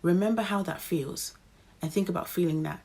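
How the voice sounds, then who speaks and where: A woman with a low, gravelly voice speaks in an earnest, advising way. Her tone is dark and husky as she gives reflective interview answers. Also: a little fast.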